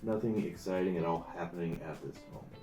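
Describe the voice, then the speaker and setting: A man with a low voice runs a tabletop game with loose, joking narration. He sounds roomy and set back from the mic, with faint music underneath. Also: fast. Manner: joking, filler-heavy. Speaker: game master. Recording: roomy room mic from far off.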